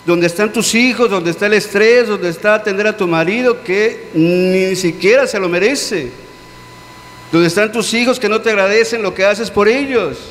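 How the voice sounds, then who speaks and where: High-voiced pastor preaching. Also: male voice, normal speed, fairly bright tone. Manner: earnest, questioning, dropping low on key words. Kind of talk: sermon. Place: church hall. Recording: long church-hall reverb with faint hum.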